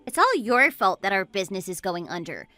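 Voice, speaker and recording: A woman's voice: medium pitch, big pitch swings, a little fast, pushed and bright, no room sound, soft background music. A woman voicing an indignant young woman who bickers with her partner in a text-story narration. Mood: bickering. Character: whiny defensive young woman, cafe co-owner.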